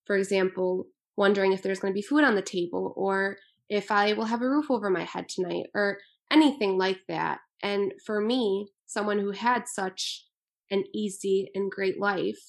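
Woman, twenties, author, from Albania, earnest, thoughtful, gravelly. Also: medium pitch, steady tone, normal speed. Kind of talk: interview answers.

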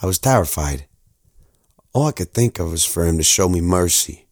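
A man's voice: deep voice, lively intonation, a little mellow, no echo, studio quality, voice pushed down. A man playing a young soldier, telling his war memories in the first person, earnest and stammering. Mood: haunted. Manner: earnest, halting with stammered repeats. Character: young male soldier recalling war, haunted. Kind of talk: first-person dramatic story narration.

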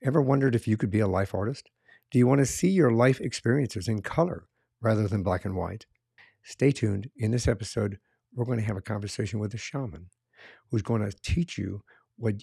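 A man hosting a podcast, reading a measured, promotional intro before interviewing his guest. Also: fairly low pitch, vocal fry, warm tone, slightly rough, no echo, clean studio sound. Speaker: podcast host. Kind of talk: scripted intro then interview.

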